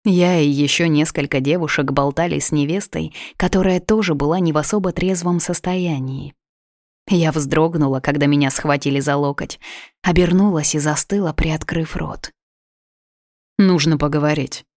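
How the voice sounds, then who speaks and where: A woman reading a first-person story aloud in steady, measured narration. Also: low voice, no room sound, studio quality. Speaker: audiobook narrator.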